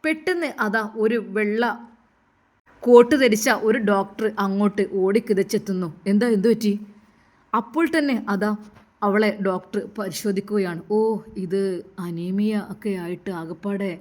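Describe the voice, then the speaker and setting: A woman with a Malabar Malayalam accent tells a dramatic story, pressing on key words and pausing for effect. Her voice sits mid-range for a woman. She gives every character's lines herself. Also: medium pitch, darkish tone. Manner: emphatic, repeats "athe" often.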